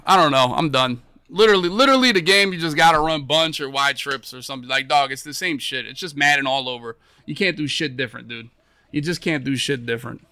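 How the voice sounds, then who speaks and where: There's no echo on this clip of an American man in his 30s streaming a game from a compact, monitor-filled room. His mid-range voice sounds pushed and bright as he curses and grumbles through live commentary.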